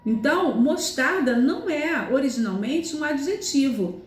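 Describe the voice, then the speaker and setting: A woman's voice: high-pitched, lively intonation, unhurried, echoey room, a little hiss or hum. A teacher, a woman, explaining grammar rules step by step and checking in with her students often. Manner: explanatory, repeats examples, frequent "tá?" and "né?" checks. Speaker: Portuguese language teacher. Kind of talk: recorded grammar lesson.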